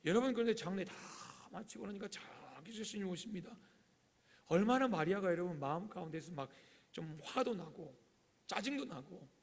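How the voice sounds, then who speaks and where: Male pastor, high voice, emphatic sermon delivery with loud peaks and soft asides, long church-hall reverb. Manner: emphatic, swings from loud urgent peaks to quiet low asides, acts out quoted voices. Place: church sanctuary.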